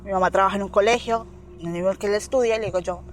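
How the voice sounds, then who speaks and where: Rapid-fire and mid-range, her voice comes with a little hiss or hum. This interview guest, speaking with a Colombian accent, animatedly recounts something that happened to her, voicing the characters herself and repeatedly asking "¿me entiendes?".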